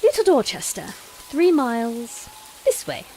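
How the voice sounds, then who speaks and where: Lively quirky time-travelling doctor played by an actress. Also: female voice, fairly high pitch, measured pace, slightly rough, full character voice, low-quality recording. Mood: jolly, brisk. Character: brisk, quirky, jolly time-travelling doctor, observant and protective. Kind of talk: audio drama acting.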